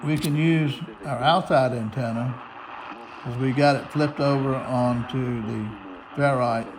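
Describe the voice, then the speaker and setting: Showing how a receiver works, an American radio enthusiast narrates each move in an informal, unrehearsed how-to. He speaks a little slowly at a medium pitch, his intonation mostly level. Static from a shortwave radio and a noisy broadcast fill the background.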